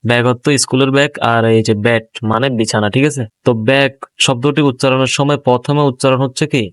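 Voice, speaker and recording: A man's voice: medium pitch, flat delivery, fast, a bit bright, clear, resonant tone, no room sound. A man teaching a primary school English lesson, explaining each word and asking his pupils questions.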